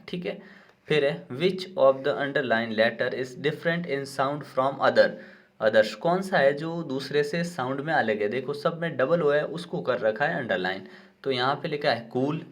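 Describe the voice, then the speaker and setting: A young man teaching, working through an exam paper step by step, reading each question slowly and checking in with the listener often. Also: mid-range voice, a bit bright. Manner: explains step by step, reads English questions out slowly, says "ठीक है" often. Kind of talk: exam paper walkthrough lesson.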